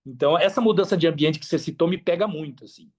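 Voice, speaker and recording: Here a fairly high, slightly mellow male voice moves fast. The speaker, a Brazilian affiliate marketer on a podcast, recounts his story in a loose, slang-heavy, expansive way, often repeating himself to drive points home.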